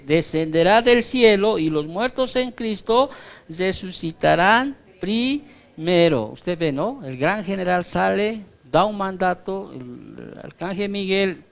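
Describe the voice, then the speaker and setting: A man's voice: high-pitched, vocal fry. A male pastor giving a Bible study sermon in a conversational teaching tone, explaining through comparisons and constantly checking that his listeners follow.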